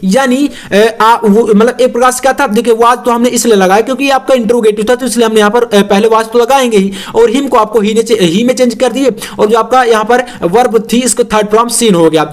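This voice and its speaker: High-voiced man teaching English grammar. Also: steady tone. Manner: slow and repetitive, spells words letter by letter. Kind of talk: explaining grammar to exam students.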